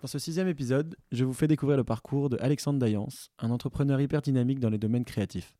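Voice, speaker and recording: Un homme qui anime un podcast, présente l'épisode puis pose ses questions avec hésitation. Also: male voice, mid-range voice, fast, warm tone, dry recording, studio quality. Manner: friendly, hesitant questions. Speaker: podcast host. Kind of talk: podcast intro and interview.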